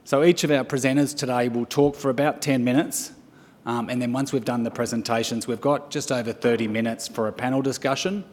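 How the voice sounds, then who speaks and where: A man chairing a conference session, measured and with frequent ums. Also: steady tone, a little mellow. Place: conference room. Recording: hall reverb with low rumble.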